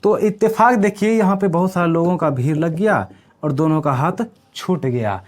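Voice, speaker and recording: A man with a fairly high voice teaches an English grammar lesson at a moderate pace. He checks in with the class as he goes, asking questions and then answering them himself.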